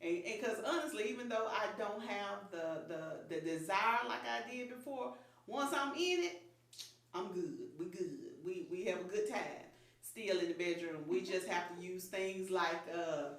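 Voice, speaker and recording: A woman's voice: mid-range voice, normal speed. A woman in her fifties speaking frankly and openly as a guest in a casual chat. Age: 50s. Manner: frank, open, laughs easily. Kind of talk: candid personal chat. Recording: echoey room, voice from far off.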